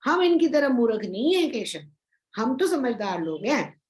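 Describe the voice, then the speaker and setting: Woman spiritual teacher, fairly high voice, chatty scripture talk with lots of tag questions. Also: sing-song, measured pace, darkish tone, rough recording. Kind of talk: informal scripture explanation.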